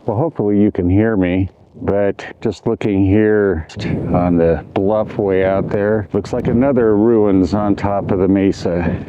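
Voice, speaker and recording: A man's voice: on the low side, fairly even intonation, measured pace, narrow, tinny audio. A man talking casually to a handheld camera as he vlogs outdoors on a windy clifftop. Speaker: travel vlogger. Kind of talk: casual outdoor vlog narration. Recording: noisy outdoor camera audio in wind.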